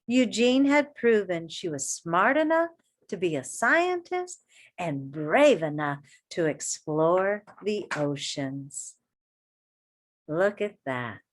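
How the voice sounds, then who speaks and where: With a fairly low-pitched voice, a woman reads a children's story aloud the way an elementary teacher would. She's expressive and encouraging, stressing words deliberately and making asides to her young listeners.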